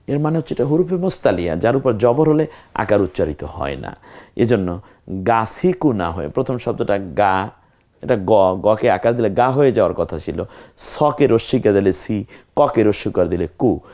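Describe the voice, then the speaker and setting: A man teaching Arabic letter pronunciation in a lesson, drawing out each sound slowly and repeating it to demonstrate. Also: lowish voice, animated, darkish tone. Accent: Bangladeshi Bengali. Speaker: Quran recitation teacher. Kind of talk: online tajweed lesson.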